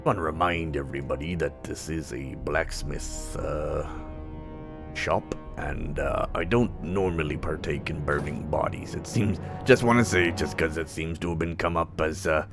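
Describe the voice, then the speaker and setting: A man's voice: a bass voice, moderate pace, creaky. A man running a tabletop game as game master, laid-back and hesitant, often laughing. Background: music.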